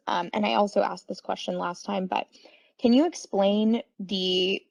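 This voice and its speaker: A woman's voice: medium pitch, gravelly, a little mellow. A woman public commenter asking direct, pointed questions at a city meeting.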